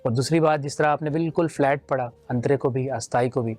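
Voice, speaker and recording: A man's voice: medium pitch, darkish tone, soft background music. A man judging a naat recitation contest, explaining in a teacherly way with simple everyday examples. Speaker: naat competition judge. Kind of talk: judging feedback.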